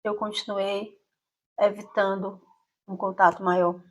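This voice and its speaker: A woman in her fifties from Brazil hosts her own channel and tells a personal story. She speaks in a reflective, conversational monologue at a medium pitch and often checks in with a "né?". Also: flat delivery, takes it slowly. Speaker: channel host.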